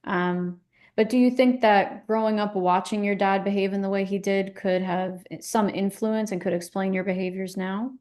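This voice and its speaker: Calm, mellow woman therapist, role-played. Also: mid-range voice, lightly acted. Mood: calm, reassuring. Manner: calm, measured, gently probing questions. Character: calm, validating female couples therapist. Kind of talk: counselling role-play.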